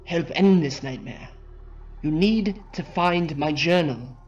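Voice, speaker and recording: A fairly high-pitched young male research assistant in a zombie game. He is anxious and earnest, speaking with dramatic urgency. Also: takes it slowly, darkish tone, highs cut off. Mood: frightened, pleading. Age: young adult. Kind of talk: acted game character dialogue.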